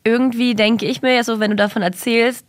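A woman's voice: on the high side, steady tone, fairly quick, no room sound, clean studio sound. A woman co-hosting a casual conversation, speaking in a colloquial, loosely phrased way.

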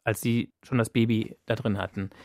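A man's voice: lowish voice, level tone, moderate pace, darkish tone, dry recording, studio quality. A man interviewing a woman, asking direct, probing questions about her past.

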